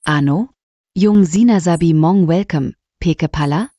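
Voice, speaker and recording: A woman's voice: fairly low pitch, takes it slowly, warm tone, no room sound, clean studio sound. An actress dubbing a bossy, doting older grandmother who gives orders and teases. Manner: commanding and teasing. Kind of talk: dubbed drama acting.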